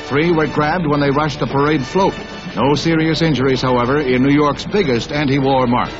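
A man's voice: fairly high pitch, fairly even intonation. Wry old newsreel announcer, man. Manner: brisk, wry announcer delivery with punning asides. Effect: old newsreel soundtrack. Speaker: newsreel narrator. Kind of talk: 1960s newsreel narration. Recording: dull lo-fi old film sound with music underneath.

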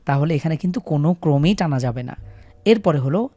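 Speaking quickly in a somewhat high, dark-toned voice with no echo, a man with a Bangladeshi Bengali accent leads a Quran recitation class. He patiently repeats questions and drills syllables with his students.

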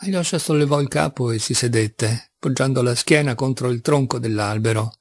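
A man reading a classic novel aloud as audiobook narrator, in measured, even storytelling. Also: mid-range voice, no room sound.

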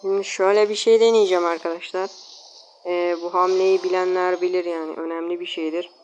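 A woman's voice: on the low side, fairly even intonation, fairly quick, darkish tone, slight background noise. A woman casually commenting on her own mobile game matches, talking to viewers and opponents, grumbling, exasperated and self-mocking. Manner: self-mocking, jokey asides.

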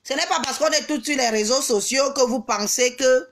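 A woman ranting on her vlog, taunting and mocking, with bursts of shouting and scornful laughter. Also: sits high, normal speed. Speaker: vlogger. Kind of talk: angry social media rant.

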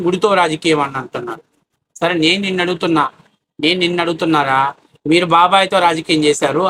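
Fast, bright-voiced man ranting angrily. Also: sits high, a little hiss or hum. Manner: abusive, taunting, shouting rhetorical questions. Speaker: political commentator. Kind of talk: angry political rant.

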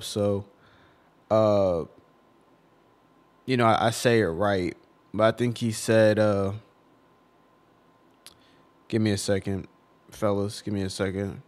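Tearful young man, halting and heartfelt. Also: lowish voice. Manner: halting, repeating words, slangy and heartfelt. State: close to tears. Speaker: video creator. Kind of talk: emotional tribute vlog. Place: his own room, among collectibles.

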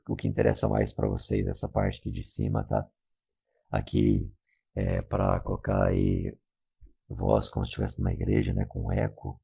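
A man talking casually through a robot voice filter while hosting a software tutorial, rambling and tacking little questions onto his sentences. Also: extremely low pitch, gravelly, breathy edge. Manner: relaxed, rambling, tag questions after each point. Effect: robot voice filter from live voice-changer software. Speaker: tutorial host.

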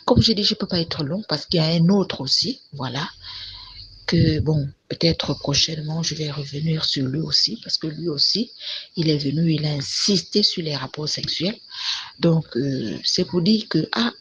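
Speaking at a moderate pace in a low voice, a woman casually tells a long personal story packed with fillers and repeated words. It's a dull lo-fi recording carrying faint noise.

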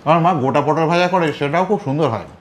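A man's voice: a little high, very fast, a little hiss or hum. A man hosting an eating show, talking with his mouth full between bites, savoring the food in casual commentary. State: chewing.

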